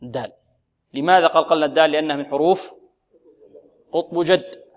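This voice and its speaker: A man's voice: on the high side, fast talker. A middle-aged man teaching Quran recitation, patiently asking his students questions and drilling letter sounds for them to repeat. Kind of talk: tajweed lesson with call-and-repeat drills.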